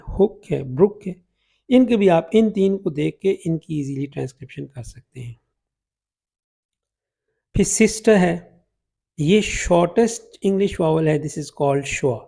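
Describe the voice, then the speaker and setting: A man teaching English phonetic transcription in Urdu-Hindi, slowly sounding out English vowel examples one by one. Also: on the high side, creaky, mellow, slightly rough. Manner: slow, drawn-out demonstration of vowel sounds.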